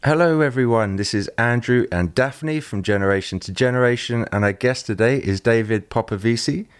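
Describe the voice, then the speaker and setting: A man's voice: medium pitch, normal speed, smooth, no echo, studio quality. A man hosting a podcast, introducing and questioning his guest in a friendly, conversational way. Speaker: podcast host.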